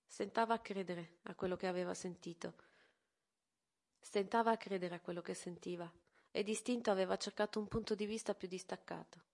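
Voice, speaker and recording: Una donna che legge ad alta voce un romanzo, con una narrazione calma e misurata. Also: female voice, medium pitch, vocal fry. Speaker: volunteer reader. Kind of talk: reading a novel aloud.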